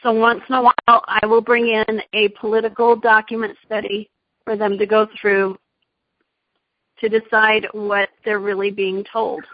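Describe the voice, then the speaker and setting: A woman's voice: mid-range voice, little pitch movement, moderate pace, dry recording. A woman teacher answering questions in a casual discussion, friendly and often hesitating with fillers. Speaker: teacher giving advice. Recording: dull dry lo-fi sound.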